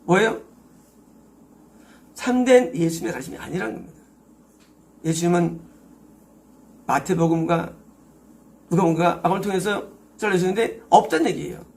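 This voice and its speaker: A man's voice: high voice, normal speed, gravelly, pauses often, a little mellow. A male pastor preaching an expository sermon, emphatic, asking rhetorical questions and answering them himself.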